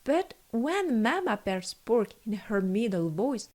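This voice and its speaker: A woman narrating a children's storybook in two languages, reading slowly and deliberately. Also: on the high side, big pitch swings, a little mellow. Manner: slow, deliberate, clear reading.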